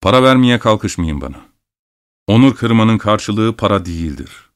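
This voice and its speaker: A man voicing a bitter male doctor who shouts with scornful indignation. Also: fairly low pitch, expressive, a little slow, clean tone.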